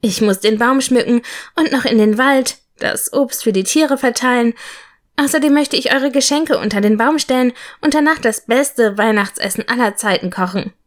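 A woman voicing an excitable, warm-hearted young witch in a storybook, speaking brightly and eagerly. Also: fairly high pitch, moderate pace, few pauses, close to an everyday voice.

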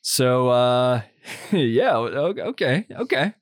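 A man's voice: mid-range voice, big pitch swings, takes it slowly, no echo. Dry-joking man, close and dry sound. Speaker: podcast co-host. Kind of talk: casual podcast chat.

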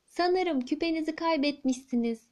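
Woman as a polite little boy pleading earnestly, high and soft. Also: normal speed, lightly acted. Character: small brave boy, polite and clever.

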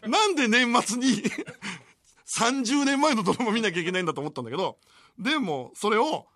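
A man's voice: on the high side, no echo, studio quality. A man in his forties hosting late-night radio, telling a story with lots of laughter. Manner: animated storytelling with frequent laughter. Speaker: radio host. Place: radio studio. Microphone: studio microphone.

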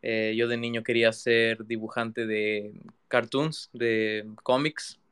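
Man, interview guest; reflective, halting delivery, clear resonant tone. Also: medium pitch, level tone, fairly bright tone. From Ecuador. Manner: reflective, with many restarts and fillers. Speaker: guest artist. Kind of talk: casual interview answer.

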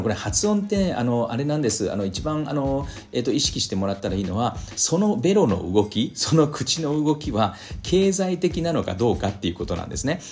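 Hesitant man teaching vocabulary, lively pitch. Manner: rambling, many fillers and hesitations. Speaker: English test-prep teacher. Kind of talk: casual spoken vocabulary lesson.

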